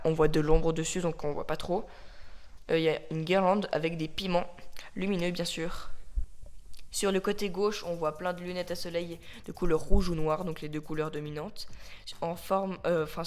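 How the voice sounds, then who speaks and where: Casting note: casual home toy-review vlogger, mid-range voice, loose and rambling, keeps self-correcting, mixes in English words, phone mic, soft music under. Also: mid-range voice. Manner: rambling and chatty, often correcting itself. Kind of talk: casual unboxing-style review. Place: at home with a ring light. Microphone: phone camera.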